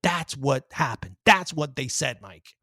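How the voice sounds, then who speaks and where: A man's voice: medium pitch, expressive, unhurried, sharp tone, no echo, clean studio sound. Emphatic, argumentative male podcast co-host. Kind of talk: heated casual debate.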